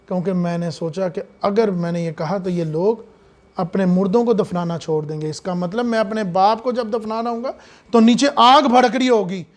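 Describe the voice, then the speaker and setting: A man preaching a sermon, swinging from hushed asides to loud, impassioned lines with many rhetorical questions. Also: high-pitched.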